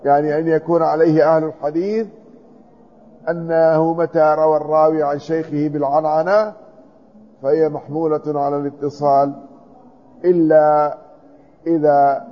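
In a lo-fi, dull recording, a fairly high-pitched man reads a hadith passage and then unpacks each word, as a lesson in classical text commentary. His intonation barely moves, his speed is normal, and he leaves long pauses.

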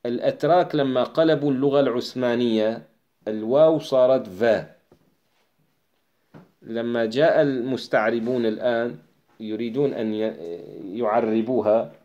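A man reading a classical text aloud and explaining it as a teacher, measured and unhurried, with pauses and filler sounds. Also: mid-range voice, mellow, dull audio.

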